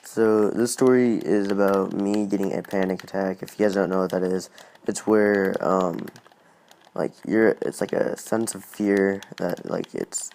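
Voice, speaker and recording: A man's voice: low voice, steady tone, measured pace, gravelly, darkish tone, a little hiss or hum. A man hosting a gaming channel, telling a casual personal story in a rambling way, full of "like"s and restarts.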